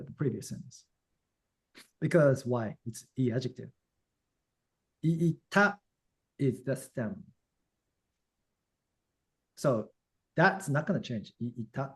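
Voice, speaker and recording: A man's voice: mid-range voice, husky. A man teaching Japanese over a video call. He explains grammar in a loose, casual way, with plenty of fillers along the way.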